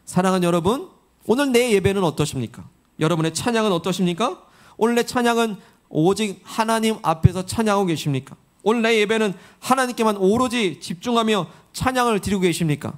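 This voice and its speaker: High-voiced man preaching a sermon. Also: brisk. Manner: earnest, coaxing congregation with questions and call-and-response. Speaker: pastor. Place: church sanctuary.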